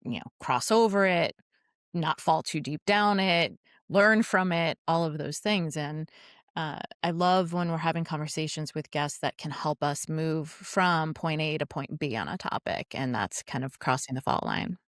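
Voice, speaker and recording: A woman's voice: deep voice, moderate pace, no room sound, clean studio sound. A woman from New York co-hosting a business podcast, explaining ideas reflectively and checking in with her listener. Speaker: podcast co-host. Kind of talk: casual conversational podcast talk.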